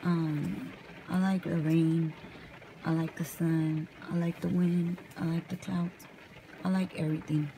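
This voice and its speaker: A young woman from California chatting softly and casually in ASMR style while brushing her hair in a parked car at night. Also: sits low, level tone, unhurried, a little hiss or hum, low-quality recording. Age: young adult. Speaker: vlogger. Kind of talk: soft-spoken ASMR chat. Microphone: camera close up.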